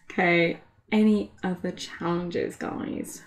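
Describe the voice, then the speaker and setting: A woman's voice: lowish voice, fairly even intonation, extremely slow. A woman, giving casual, chatty commentary on a card game match and laughing often. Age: 20s.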